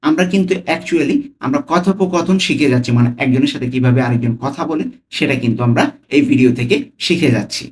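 A man with a Bangladeshi Bengali accent leads a language lesson at an ordinary, mid-range pitch. He breaks each phrase into single words and says them slowly and clearly. He then repeats the whole phrase in the patient rhythm of a tutor. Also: darkish tone. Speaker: language teacher.

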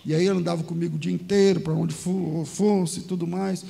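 A man's voice: high-pitched, flat delivery, brisk, gravelly, mellow, long reverb tail. A man preaching as a pastor, telling a personal story in a sermon with conversational repetitions. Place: church.

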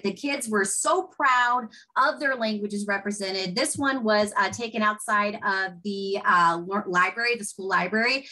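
A woman's voice: mid-range voice, fairly bright tone, poor audio. A woman giving a webinar presentation as a teacher, telling stories in a chatty, enthusiastic way.

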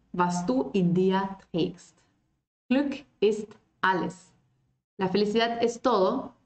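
Slow, careful woman teaching German. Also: medium pitch, a little mellow, roomy sound. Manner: reads German lines slowly and clearly, then explains them in Spanish. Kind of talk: online language lesson.

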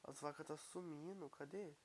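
A young man with a Brazilian Portuguese accent, commenting casually and excitably on his gameplay while he has a cold. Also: fairly high pitch, normal speed. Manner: excitable, exclaiming at the screen. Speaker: gaming YouTuber.

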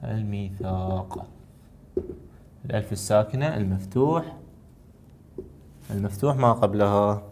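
A man teaching a recorded lesson, working through exercises. He draws out and repeats key words slowly and lifts his voice when reading verses aloud. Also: medium pitch, a little hiss or hum. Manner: slow, drawn-out repetition of key words; rises to read Quranic verses.

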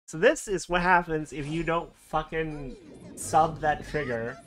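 A game streamer giving live commentary at home, excitable, swearing often and laughing at their own mistakes. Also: mid-range voice, measured pace, soft background music. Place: at home with a cat nearby.

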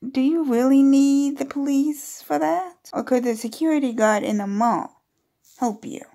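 This woman's voice sits high yet sounds gravelly and dark, at a measured pace. She creates gaming videos, reading the game's dialogue out loud with playful, chatty remarks and amusement.

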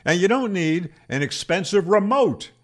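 An older ham radio teacher from Florida sits at a studio mic on a boom arm in a small room, dismantling antenna myths for the camera. He's matter-of-fact, tosses rhetorical questions at himself, and sounds expressive at a normal speed.

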